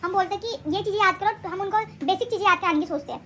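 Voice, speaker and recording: Young woman, chatty home vlogger, very high voice, rattles on at speed. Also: racing, a bit bright, slight background noise. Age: young adult. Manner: rambling, chatty, self-correcting. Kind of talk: casual home vlog chat. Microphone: handheld phone camera.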